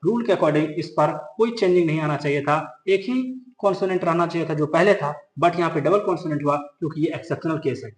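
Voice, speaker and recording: A male English teacher explaining a spelling rule in Hindi. He asks quick questions, answers them himself, and repeats each rule slowly. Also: on the high side, reverberant. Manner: repeats key rules slowly for emphasis. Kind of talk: grammar lesson explained in Hindi.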